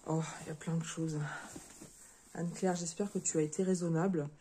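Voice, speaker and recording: A slightly hoarse woman chatting casually to her viewers as she opens a parcel, with many fillers and restarts. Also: deep voice, fairly even intonation, a little fast, mellow, a little hiss or hum. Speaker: crafting video creator. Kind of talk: casual unboxing chat to viewers.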